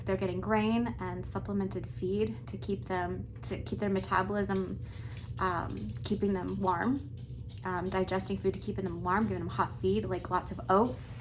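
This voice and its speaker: A woman's voice: medium pitch, fairly even intonation, moderate pace, noisy background. Chatty woman homesteader filming herself outdoors. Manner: chatty, talks while doing chores, laughs and sighs. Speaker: homesteader vlogger. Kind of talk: casual talk to camera. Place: outdoors and in a chicken coop on a farm in extreme cold.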